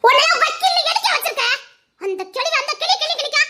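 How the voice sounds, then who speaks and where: A woman's voice: extremely high pitch, expressive, quick pace, background noise. A woman with a Tirunelveli Tamil accent playing a scheming, vengeful woman who gloats and repeats her threats. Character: scheming vengeful woman bent on shaming rival.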